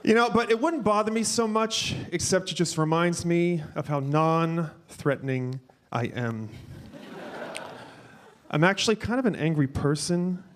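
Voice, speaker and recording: A man in his forties doing a live stand-up set, animated, jumping into a high flamboyant yelling voice. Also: a little slow. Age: 40s. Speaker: stand-up comedian. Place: comedy club stage. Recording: noisy live club sound.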